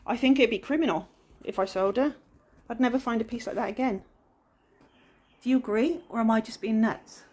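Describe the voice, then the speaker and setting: Narrating her furniture painting for a casual DIY vlog, a West Country-accented woman from the England-Wales border chats away, rambling and self-deprecating. She speaks fairly quickly in a slightly high, slightly mellow voice.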